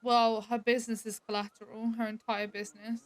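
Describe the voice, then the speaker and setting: A woman's voice: fairly high pitch, flat delivery, fairly quick. A woman streamer in a casual role-play chat, talking in a chatty way with lots of "like" fillers, heard over a game voice mic. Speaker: streamer role-playing a character.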